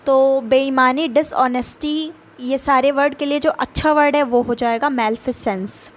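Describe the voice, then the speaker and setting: High-voiced Indian woman teaching vocabulary. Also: steady tone. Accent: Indian English. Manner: reads example sentences slowly, then explains quickly in Hindi. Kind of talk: vocabulary lesson mixing Hindi and English.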